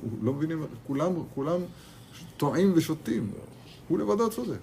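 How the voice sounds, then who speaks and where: A man's voice: on the high side, very animated, creaky, a little mellow, a little hiss or hum. A man teaching a Torah class to his students in a kollel, speaking animatedly, repeating phrases and asking rhetorical questions. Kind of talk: lively Torah lesson with students. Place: kollel study hall.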